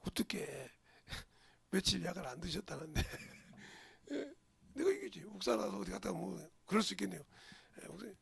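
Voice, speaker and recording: An older man preaching a sermon, emphatic, firing rhetorical questions and swinging between loud outbursts and murmurs. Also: high-pitched, big pitch swings, normal speed, creaky, husky, no room sound. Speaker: pastor.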